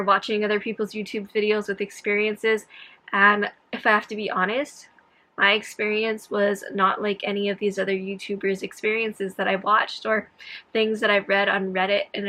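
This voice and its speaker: A woman's voice: medium pitch, bright, forceful tone. A young woman vlogging casually in a scattered, self-interrupting way, with a sore throat after tonsil surgery that makes some words hard to pronounce. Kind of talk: casual personal vlog, chatty recounting.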